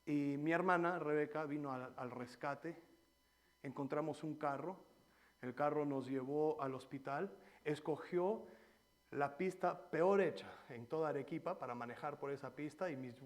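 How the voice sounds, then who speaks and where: Man, pastor, lively sermon, high voice, loud then hushed storytelling. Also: moderate pace. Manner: animated, swings between loud preaching and quiet storytelling. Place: church.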